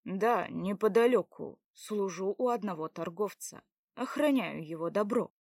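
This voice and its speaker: A woman voicing a brooding young man, an exiled guard who is lovesick, speaking low, slow and somber. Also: a little mellow, no echo, studio quality.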